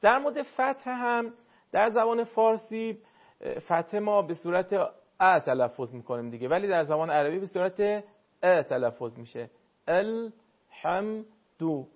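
A man teaching Quran recitation to a caller, courteous and explanatory, sounding words out slowly to demonstrate. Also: high-pitched, expressive, lo-fi sound. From northern Iran. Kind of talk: call-in recitation lesson.

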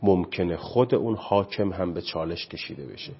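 A man's voice: low voice, husky, lo-fi sound. A man speaking as a guest on parenting, preachy and impassioned, often quoting scripture. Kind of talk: animated studio talk.

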